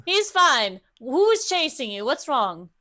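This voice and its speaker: High, animated woman role-playing. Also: measured pace. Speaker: tabletop game player. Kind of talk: casual in-character role-play.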